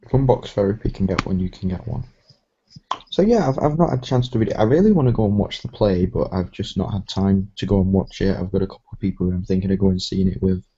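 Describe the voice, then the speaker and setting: A man hosting a casual live stream, talking in a slow, even way that often trails off. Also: low-pitched, slightly rough. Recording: dull lo-fi stream audio.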